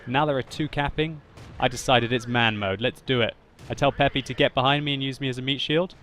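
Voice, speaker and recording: In this video game voice-over, a man walks through his own tank battle, frequently laughing and getting loud and worked up at the big moments. He speaks fairly quickly in a mid-range voice, over slight background noise.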